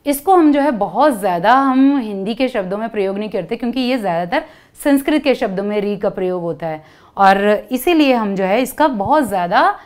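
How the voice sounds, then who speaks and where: Female teacher for a kids' lesson, patient, call-and-response delivery, mid pitch. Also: animated, brisk, a little mellow. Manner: call-and-response, asks kids to repeat; patient, repeats each syllable. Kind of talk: children's lesson.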